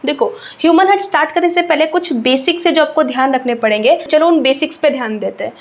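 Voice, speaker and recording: A young woman teaching an exam-prep biology lesson, slowly repeating key terms and checking in with her students. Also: high voice.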